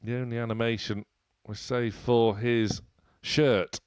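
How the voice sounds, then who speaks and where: A man's voice: medium pitch, flat delivery, unhurried, darkish tone, smooth, no room sound. A man giving live darts commentary as the lead commentator, with polished, wordy phrasing.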